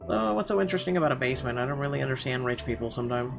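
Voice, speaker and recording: Like a let's player, a man with a medium-pitched voice reads out a visual novel's narration, sounding animated and racing along. Game music is clearly audible behind him.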